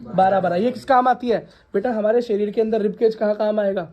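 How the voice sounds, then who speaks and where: A woman's voice: mid-range voice, steady tone, fairly quick, muffled recording. A woman science teacher leading a classroom lesson, asking questions and having the class repeat answers back to her. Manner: repeats questions for the class to echo, calls students "beta"; scolds laughing students. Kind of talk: classroom lesson with call-and-response. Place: classroom with students present.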